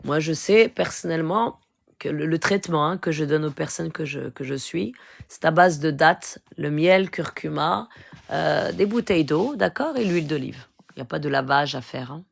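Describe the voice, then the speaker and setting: A woman, speaking in a low voice on a live stream. She gives earnest spiritual advice as a healer, pressing her listeners to act. She recites each phrase slowly and deliberately, with a gravelly edge.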